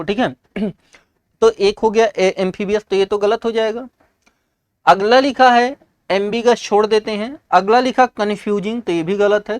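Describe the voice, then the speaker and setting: A high-voiced man with a North Indian accent teaching an exam-prep English lesson in a dry, close sound. He explains by asking questions and answering them himself, mixing English terms in. He clears his throat now and then. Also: no echo. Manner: clears throat and coughs often.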